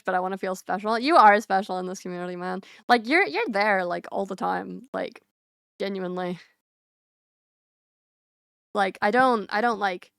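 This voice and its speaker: A woman's voice: mid-range voice, vocal fry, fairly bright tone, clean tone, no echo, clean studio sound. A woman streamer chatting casually with her viewers, rambling with lots of fillers and restarts.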